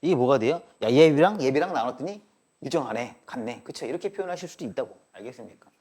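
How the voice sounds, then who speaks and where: A man teaching math in a live classroom lecture constantly fires quick questions at students and drills them with check-ins, blending polite and casual speech. His mid-range voice is animated, darkish in tone and slightly rough.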